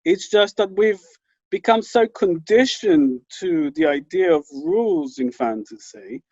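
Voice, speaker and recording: A male writer talking as a panel guest, animated and conversational, often restarting his sentences and leaning on "you know.". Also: fairly high pitch, unhurried, no room sound. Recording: dull lo-fi call audio, dry.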